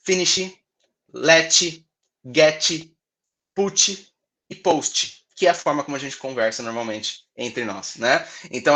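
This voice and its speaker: A man from Brazil leads a pronunciation workshop in an explanatory lecture style. He checks in with his listeners often and says example words twice to model them. His voice sits in an ordinary middle pitch. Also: bright, forceful tone. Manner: explanatory, frequent tag questions, repeats example words. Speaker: English pronunciation instructor.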